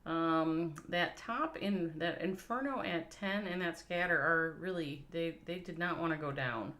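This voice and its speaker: A woman's voice: on the low side, measured pace, fairly bright tone. A woman with a Minnesota accent giving chatty, playful live commentary on a mobile strategy game match, reacting to chat and laughing along. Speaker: esports caster.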